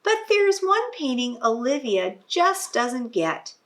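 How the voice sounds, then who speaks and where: A woman whose voice sits high reads a picture book slowly and with great animation to young children. She talks to them like a teacher, tossing in explanations and questions as she goes.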